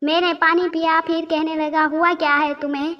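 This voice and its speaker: High-voiced woman narrating a story. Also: level tone, distant mic, muffled recording. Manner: emotional first-person telling with quoted dialogue. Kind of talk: first-person story narration.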